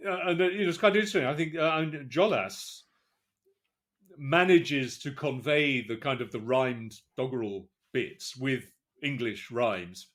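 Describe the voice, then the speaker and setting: A man co-hosting a podcast in casual chat, talking haltingly with many fillers and restarts. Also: medium pitch, fairly bright tone. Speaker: podcast co-host.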